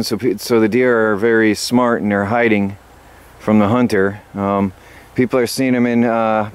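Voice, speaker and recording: A man's voice: on the low side, darkish tone, smooth. A man out of breath, talking casually to a handheld camera outdoors on his homestead, rambling with many fillers. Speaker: homestead vlogger. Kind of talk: casual vlog chat. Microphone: handheld camera mic.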